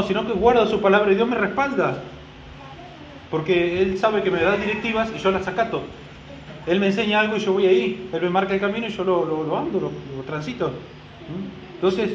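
A man's voice: high-pitched, roomy sound, highs cut off, a little hiss or hum. A man preaching a sermon as pastor, in a conversational way, putting questions to the congregation and adding joking asides.

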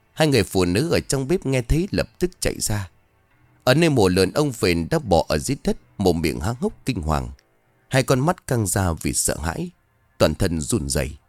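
A man with a low voice narrates a horror story, swinging his pitch widely to build dread. He sounds close and dry, with faint music underneath. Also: a little mellow. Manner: dramatic, building tension.

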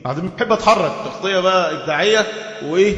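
A man with an Egyptian accent giving a lively, sarcastic religious lesson, mimicking others and slowing down to recite texts. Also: high voice, reverberant, in a large hall, dull audio. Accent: Egyptian Arabic.

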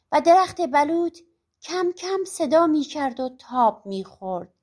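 A woman's voice: high voice, darkish tone. A woman narrating a folk tale audiobook expressively, often fading to a whisper at the ends of lines. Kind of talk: storybook narration.

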